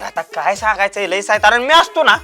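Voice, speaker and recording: A man's voice: sits high, sing-song, a little fast, bright, forceful tone, soft background music, full character voice. A man with a rural Marathi accent playing a scheming village man who wheedles and eggs two women into a fight, in a comedy sketch. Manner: wheedling, egging others on. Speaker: village troublemaker.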